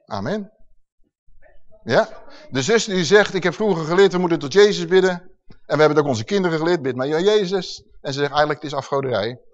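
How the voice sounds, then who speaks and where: A man's voice: fairly high pitch, lively intonation, brisk. A male preacher giving an emphatic sermon and asking the congregation questions. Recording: dull lo-fi recording.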